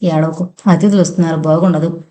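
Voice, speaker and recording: A woman voicing a kind elder sister-in-law who speaks softly and soothingly to a younger woman. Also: deep voice, steady tone, brisk, natural voice. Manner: soft, affectionate, soothing. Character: caring elder sister-in-law, gentle middle-aged woman.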